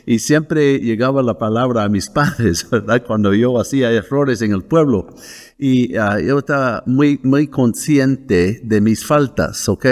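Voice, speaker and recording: An older American man from Wisconsin, a missionary guest, tells his personal testimony at a measured pace, often pausing with fillers. His mid-range voice is a little mellow and echoes in a large hall.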